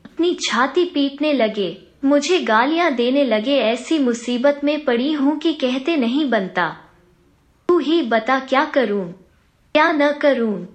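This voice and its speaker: A woman's voice: sits high, lively intonation, slow. A woman voicing an affectionate wife and sister who speaks in a pleading way. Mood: troubled.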